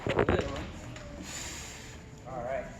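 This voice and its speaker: Drawing out his words, a young man leads a live science demonstration, upbeat as he describes each step for the watching kids. He's a science educator in a big indoor event hall. Heavy background noise dominates: the mic is distant, the hall echoes, and the crowd chatters behind him.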